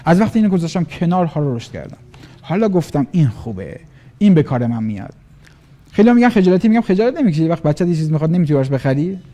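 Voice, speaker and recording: Guy coaching traders, high voice, acts out little chats. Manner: animated, acts out little dialogues in varied voices. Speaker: business trainer. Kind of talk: motivational business talk.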